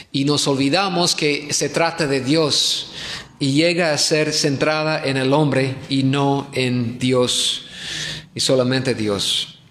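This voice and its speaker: A man's voice: medium pitch, a bit bright. A man preaching at a pastors' conference, asking his listeners questions and repeating his key points. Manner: asks the audience questions and repeats himself. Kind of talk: conference sermon. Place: church hall in Ecuador. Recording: echoey hall.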